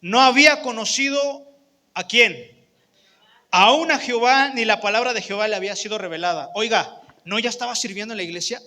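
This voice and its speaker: Bright-voiced Mexican preacher in a church. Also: male voice, high-pitched, fairly quick. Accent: Mexican Spanish. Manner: conversational, asks the congregation questions. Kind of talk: sermon. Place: church hall. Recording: long church hall reverb.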